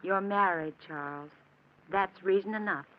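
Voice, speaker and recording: An actress in an old-time radio drama playing a lonely, gentle woman resisting forbidden love, earnest and measured. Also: medium pitch, lightly acted. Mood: regretful, firm. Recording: muffled, hissy old radio recording.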